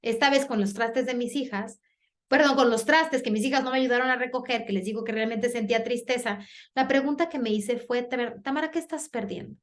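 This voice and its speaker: A middle-aged woman gives a conference talk for parents. She talks in a lively way and acts out little dialogues in different voices. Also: fairly high pitch, brisk. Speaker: speaker giving a parenting talk.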